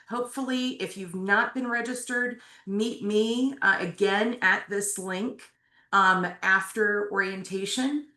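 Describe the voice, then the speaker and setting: A woman's voice: medium pitch, bright, forceful tone. A woman giving an orientation presentation to new graduate students, talking in a conversational way with frequent fillers and asking "right?" to check in with the group. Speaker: MSW program faculty presenter. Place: classroom with online attendees. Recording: roomy echo.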